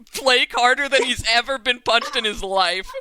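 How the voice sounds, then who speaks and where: A tabletop role-player chatting casually with friends in an animated, profane way during a game. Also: mid-range voice, moderate pace, smooth, no room sound. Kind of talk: casual chat during an online tabletop RPG session.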